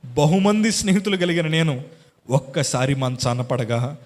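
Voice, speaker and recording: A man's voice: a little high, expressive, moderate pace. Man giving a dramatic church testimony. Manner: dramatic, swings between hushed and shouting. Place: church hall. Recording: long church-hall reverb.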